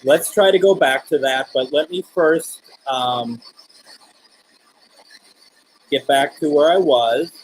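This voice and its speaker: A man hosting a live spirit-communication session, speaking in gentle, coaxing questions with pauses between them. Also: on the high side, husky, poor audio. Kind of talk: live-streamed seance, addressing spirits and viewers.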